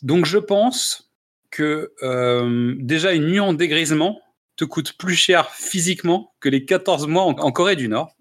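A man co-hosting a casual film review podcast, sarcastic and quick with jokes, laughing often. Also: on the high side, fairly bright tone. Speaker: podcast co-host.

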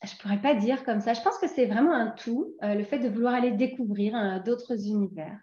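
A woman in her forties from France talks through an interview in a hesitant way, often pausing on fillers and starting over. Her voice sits at a middle pitch. The sound is roomy and a bit dull. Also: warm tone. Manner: hesitant, many fillers and restarts. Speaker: guest. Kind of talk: casual interview chat.

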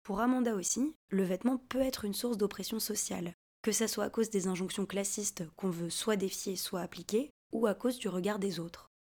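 A woman hosting a podcast, reading a scripted narration in a clear, essay-like way. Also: medium pitch, normal speed, darkish tone. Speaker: podcast host.

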